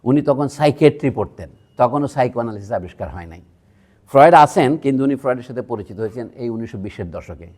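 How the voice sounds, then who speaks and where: A man's voice: medium pitch, lively intonation, quick pace, a little mellow. A man from Bangladesh giving a public lecture at a university, talking in a digressive, conversational way with asides to the audience. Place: university museum hall.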